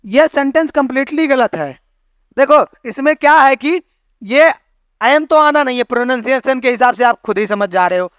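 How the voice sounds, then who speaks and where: A man's voice: very high voice, expressive, normal speed, a bit bright, smooth, no echo. Male teacher, classroom lesson, keeps checking understanding, dry close sound. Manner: explains with homely analogies, keeps checking understanding with questions. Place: classroom with students.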